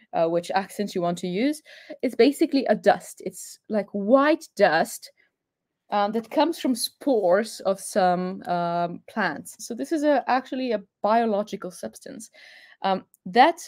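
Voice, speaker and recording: A woman's voice: mid-range voice, darkish tone. Woman presenting a live science demonstration. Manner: explains step by step with frequent fillers. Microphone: webcam or phone camera mic.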